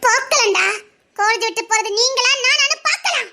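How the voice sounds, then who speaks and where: A woman's voice: very high-pitched, expressive, normal speed, sharp tone, exaggerated voice. A woman voicing a bold young female college student in an audio drama, firing back at bullies and later crying for help. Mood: defiant. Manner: fierce retorts, then pleading and sobbing. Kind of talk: Tamil audio drama acting.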